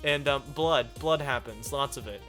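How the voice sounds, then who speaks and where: A man's voice: medium pitch, normal speed, a bit bright. Teen guy streamer, jokey chatter over gameplay, faint music behind. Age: teens. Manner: joking, laughs often. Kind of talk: casual chat while gaming.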